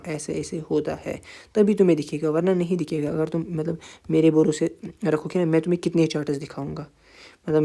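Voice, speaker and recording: A man's voice: fairly high pitch, warm tone. A man giving a casual screen-share trading tutorial, talking informally and repetitively straight to the viewer, with many fillers.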